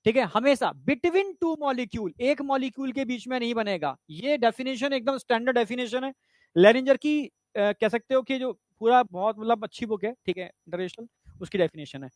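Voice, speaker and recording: This biology exam-prep teacher talks fairly quickly in a very high-pitched voice, captured dry and clean like a studio through a lapel mic. Chatty throughout, he repeats "theek hai" and regularly checks that students are keeping up.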